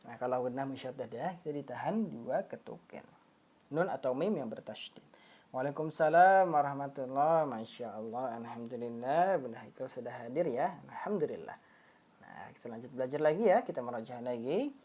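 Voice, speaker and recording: A woman with a low, mellow voice leads a live online recitation lesson. She explains patiently, repeats herself, and draws example words out slowly. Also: expressive, breathy edge. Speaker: Quran recitation teacher.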